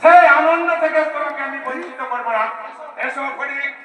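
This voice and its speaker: A man playing a ruthless, boastful warrior king with a booming, declamatory delivery in Bengali folk theatre. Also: a little fast. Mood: menacing. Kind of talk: Bengali jatra folk theatre stage acting. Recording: echoey open stage, distant mic, music, crowd.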